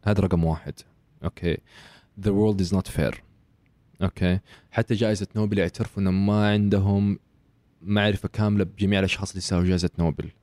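A man talks quickly and emphatically, like he is giving a lesson. He scatters English phrases and "okay" through a relaxed interview. His lowish voice is recorded close and dry, with no room sound. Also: no room sound. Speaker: author and podcast guest. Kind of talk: casual conversational interview.

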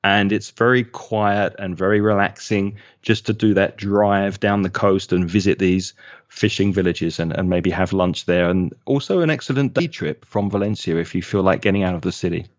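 Relaxed London man, slightly low voice. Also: moderate pace, dry recording, dull audio. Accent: London English. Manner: relaxed, enthusiastic, spells out names. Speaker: guest, local resident. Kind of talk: casual interview chat.

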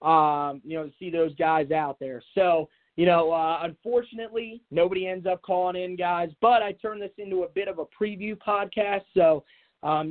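A man hosting a sports podcast solo, talking casually and off the cuff in a rambling way with many filler phrases. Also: high voice. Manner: rambling, repeats filler phrases like "you know". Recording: tinny, narrow phone-like sound.

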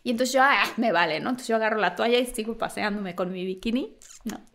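A woman with a Mexican accent tells an anecdote on a talk show with a fairly high voice. She acts out quoted lines and laughs as she goes. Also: fast talker. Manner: lively storyteller who acts out quotes and laughs often. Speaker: guest. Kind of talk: animated anecdote telling.

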